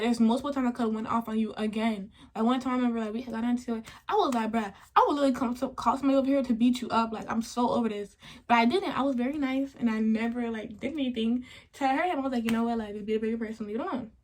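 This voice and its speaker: A woman's voice: on the high side, darkish tone. A young woman vlogger telling a story in a casual, chatty and indignant way, with lots of "like". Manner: chatty and indignant, heavy use of "like".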